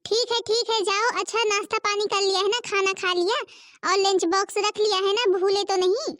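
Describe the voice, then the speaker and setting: A dutiful young cartoon daughter-in-law, with a very high, bright, sped-up tone. She is earnest and reassuring, always fussing over the family. The recording is close and dry. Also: fairly even intonation, normal speed, dry recording, recorded from a distance. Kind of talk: Hindi cartoon voice acting.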